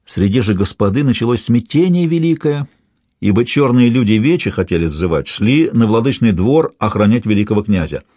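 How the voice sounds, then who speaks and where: A man narrating a historical novel in steady scripted storytelling. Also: fairly low pitch, a little fast, no echo. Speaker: audiobook narrator.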